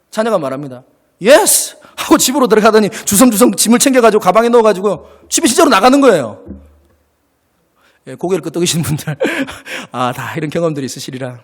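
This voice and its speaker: A man preaching a sermon as pastor, acting out little dialogues and laughing along with the congregation. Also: high voice. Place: church sanctuary. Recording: long church reverb.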